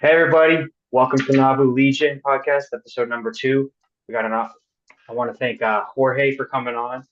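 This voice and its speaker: A man hosting a podcast in casual chat, halting and filling pauses often. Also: medium pitch, fairly even intonation, a bit bright. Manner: halting, many fillers. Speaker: podcast host. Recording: dull lo-fi audio.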